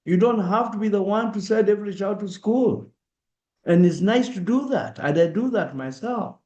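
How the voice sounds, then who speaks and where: A middle-aged man with a Kenyan accent speaks at a diaspora awareness event, earnest and direct, acting out examples in the first person. His high-pitched voice is warm and moderately paced, though the audio sounds dull and the room is echoey.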